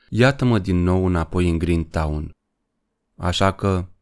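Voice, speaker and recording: A man's voice: deep voice, lightly acted. A man voicing a frail old male war veteran, weary and wistful, with a trembling, tired voice.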